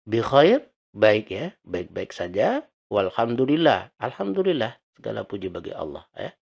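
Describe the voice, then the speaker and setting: A man teaching an Arabic lesson, patiently explaining words and repeating them slowly. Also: lowish voice, sing-song, gravelly, darkish tone, breathy edge, highs cut off.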